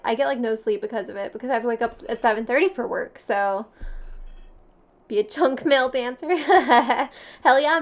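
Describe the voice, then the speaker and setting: A young woman with a Valley Girl accent chatting casually as a livestream host, giggly and slangy, peppering her talk with "like". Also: on the high side. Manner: frequent "like" filler, slangy; giggly, laughs often between phrases.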